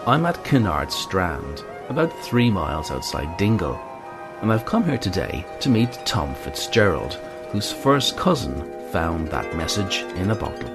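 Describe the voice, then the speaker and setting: A man's voice: low-pitched, sing-song, unhurried, music in the background. A man presenting a documentary in scripted narration.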